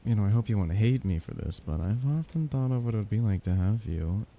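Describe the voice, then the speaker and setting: A man with a lowish, expressive voice performs an intimate ASMR romance roleplay as a young mafia heir, doting yet possessive. His delivery is soft-spoken and halting with breathy chuckles, and the mood comes across as earnest and possessive.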